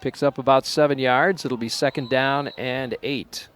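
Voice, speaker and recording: Male play-by-play announcer for small-station college football, easygoing delivery, faint noise behind, mid-pitched voice. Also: measured pace. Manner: relaxed, unpolished, hesitant over names. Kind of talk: local college football commentary.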